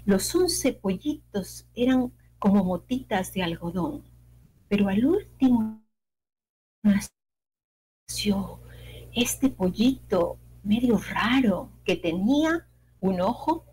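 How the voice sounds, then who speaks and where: A woman telling a children's folk tale aloud, with expressive, playful pacing and sound effects. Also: mid-range voice, slow, slight background noise, poor audio. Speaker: storyteller. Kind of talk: oral storytelling on radio.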